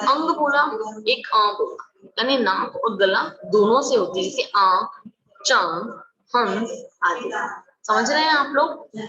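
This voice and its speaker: A woman teacher giving an online class lesson, explaining slowly and repeating example words. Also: on the high side, echoey room, muffled recording.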